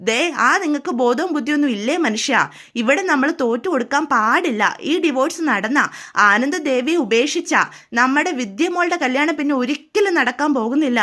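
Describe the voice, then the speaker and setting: A woman's voice: high voice, expressive, brisk, a bit bright. A woman voicing a scheming, domineering middle-aged mother who scolds and orders her husband around. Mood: scolding.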